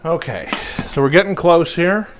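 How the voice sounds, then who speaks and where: Relaxed man talking through guitar repairs. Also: on the high side, normal speed, very noisy. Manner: relaxed, talks while working, filler-heavy. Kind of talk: casual workshop narration.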